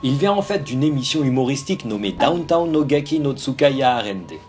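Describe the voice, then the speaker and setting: A man's voice: mid-range voice, animated, fairly quick, a little mellow. A man presenting anime trivia in a playful, scripted vlog style, asking the audience rhetorical questions. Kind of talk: energetic scripted vlog narration. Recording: music bed under the voice.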